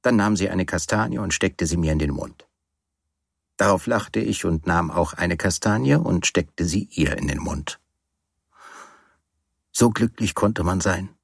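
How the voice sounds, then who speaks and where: Low, husky-voiced man reading a novel. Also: dry recording. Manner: calm, measured storytelling. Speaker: reader. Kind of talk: literary reading on radio. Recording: dry studio.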